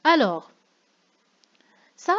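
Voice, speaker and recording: A French teacher with a Moroccan accent, this woman has a fairly bright tone and draws out her words. She explains a classroom lesson on figures of speech, often checking with "d'accord?", on a dull lo-fi recording.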